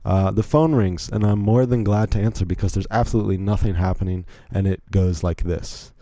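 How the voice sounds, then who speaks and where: Telling rambling stories packed with asides, this young Virginian podcast host has a dark voice that sits low. His intonation is fairly even and his pace fairly quick, with no room sound in the recording.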